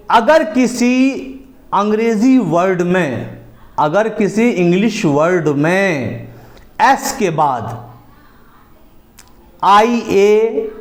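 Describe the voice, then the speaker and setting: A man giving a spoken pronunciation lesson, spelling words out letter by letter and repeating each rule slowly. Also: sits high. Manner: repeats each point slowly, drawing out letters and falling at phrase ends. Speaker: English pronunciation teacher.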